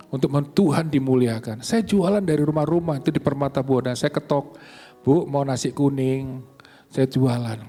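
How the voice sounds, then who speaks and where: A middle-aged man, a pastor, telling his personal testimony in a church sermon, emotional and rising to excited heights. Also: medium pitch. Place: church service.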